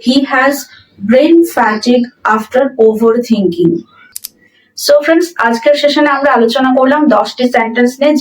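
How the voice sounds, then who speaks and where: Woman, English teacher, higher voice, sits a bit back from the mic; careful, slow delivery of example sentences. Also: distant mic, rough recording. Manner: explains in Bengali, says English sentences slowly and deliberately. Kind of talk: spoken English lesson.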